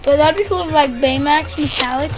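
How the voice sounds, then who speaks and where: A woman's voice: high voice, brisk, music in the background. A woman joining a casual toy unboxing, teasing and giggly. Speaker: co-host.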